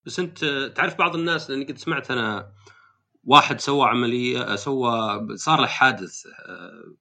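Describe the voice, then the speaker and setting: A man's voice: medium pitch, a little fast, creaky, pushed and bright. A man hosting a podcast in casual conversation, asking long probing questions. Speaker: podcast host.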